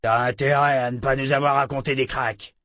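A man's voice: mid-range voice, little pitch movement, fairly quick, a bit bright, no echo, clean studio sound, pitched above the performer's own voice, natural voice. A man reading an audiobook and voicing a burly, suspicious thug who growls his lines. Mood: gruff. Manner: gruff, growling.

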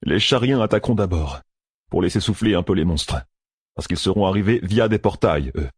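A man reading a fantasy audiobook in a measured, expressive storytelling voice. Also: low voice, slightly rough, dry recording, clean studio sound. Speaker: audiobook narrator. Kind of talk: scripted fantasy audiobook narration.

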